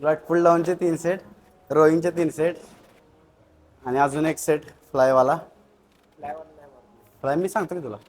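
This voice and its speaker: A man's voice: fairly high pitch, steady tone, moderate pace, long pauses. A man vlogging at the gym, energetically urging a friend through reps and counting sets. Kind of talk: casual gym vlog coaching. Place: gym indoors.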